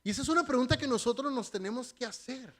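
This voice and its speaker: A man preaching a conversational sermon as pastor, animated and joking, talking straight to the congregation. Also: very high-pitched, fast talker.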